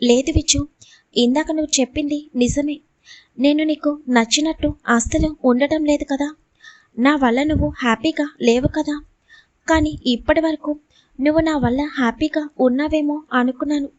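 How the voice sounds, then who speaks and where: A young wife, wounded and pleading, her words coming out upset and close to tears. A woman narrator reads her in a high, dry voice for a storybook reading. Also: fairly even intonation, normal speed, no echo, dull audio, lightly acted. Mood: tearful. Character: young wife, hurt and tearful. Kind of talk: audiobook character reading.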